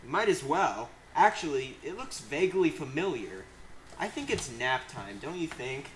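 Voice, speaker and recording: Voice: mid-range voice, very animated, a little slow. A performer doing a cocky goofy hero. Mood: casual boasting. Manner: cocky, slangy, joking. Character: boastful, goofy hero returning home. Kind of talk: amateur comedy skit. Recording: roomy echo, faint noise.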